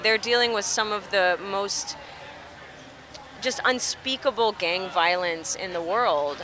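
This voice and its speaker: Bright-voiced chatty woman from Texas. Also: medium pitch, a little hiss or hum. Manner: animated, chatty storyteller who laughs easily. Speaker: musician guest. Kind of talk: casual interview chat. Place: outdoors at a festival near traffic.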